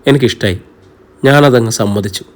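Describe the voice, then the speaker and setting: A man's voice: mid-range voice, normal speed, lightly acted. A man voicing a serious middle-aged lawyer and father in a novel reading. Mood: matter-of-fact. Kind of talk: audiobook character reading.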